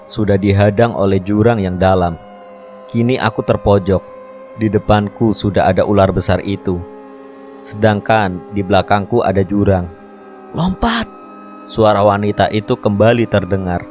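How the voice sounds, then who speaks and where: Deep-voiced male horror storyteller. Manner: steady storytelling. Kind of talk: scripted first-person narration.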